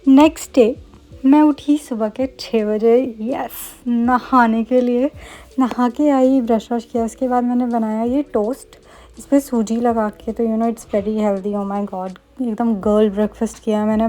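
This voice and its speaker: A young woman, a medical student, chatting fast in a casual vlog with playful, self-mocking asides. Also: a little high, steady tone, warm tone. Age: young adult. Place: student hostel room.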